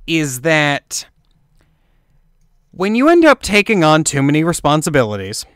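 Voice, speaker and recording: Young male teacher, casual and rambling, smooth clear voice, dry close sound. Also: a little high, a bit bright, no echo. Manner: rambling, informal, swears casually, stresses points by repetition. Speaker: amateur occult teacher. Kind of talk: casual explanatory lecture.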